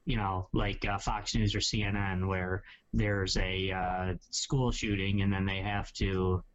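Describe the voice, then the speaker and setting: A low-pitched man hosts a casual podcast, winding through his points with hedges and asides. The audio is slightly dull, with a faint hiss underneath. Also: little pitch movement, a little slow. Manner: rambling, hedging, with many asides. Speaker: podcast host.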